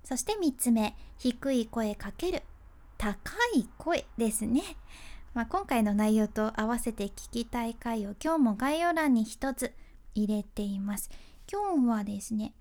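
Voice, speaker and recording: A woman's voice: on the high side, measured pace, a little mellow. A woman hosting a casual solo talk on speaking tips, speaking with a Kyushu dialect, chatty, laughing often and mixing polite speech with dialect. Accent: Kyushu dialect (Hakata-ben). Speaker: freelance announcer, podcast host.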